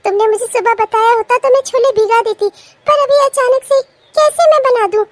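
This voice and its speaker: A woman voicing a teasing young daughter-in-law in a cartoon, who coaxes and gently mocks. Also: very high-pitched, brisk. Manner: gently mocking, coaxing. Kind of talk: cartoon voice acting.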